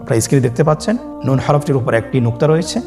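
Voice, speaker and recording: A man's voice: mid-range voice, music in the background. A man teaching Quran reading step by step, stretching each letter name for listeners to repeat. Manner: drawn-out, sung letter names for listeners to repeat. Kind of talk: scripted lesson on Arabic letters.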